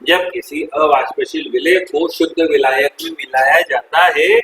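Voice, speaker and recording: Man teaching a bright, echoey class. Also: a little high, very animated, unhurried, vocal fry. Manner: quizzes students and repeats their answers, calls them "beta". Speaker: chemistry teacher. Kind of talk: classroom lecture with call-and-response.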